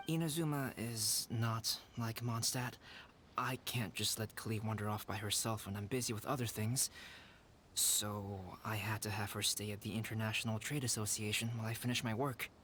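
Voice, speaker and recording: A man plays a composed young alchemist from a video game, gentle and measured in every word. His voice sits in an ordinary middle range, with a faint hiss underneath. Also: mid-range voice, close to an everyday voice. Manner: soft-spoken, measured and polite.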